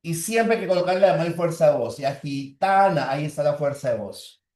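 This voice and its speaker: A man lectures a class in a fairly high voice, slowly sounding out each example word and pausing to check that students follow. His voice carries a noticeable room echo, as if recorded in a classroom. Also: lively intonation, a little mellow. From Peru. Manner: slow, drawn-out spelling of example words; checks in with the class with short tags. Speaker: teacher.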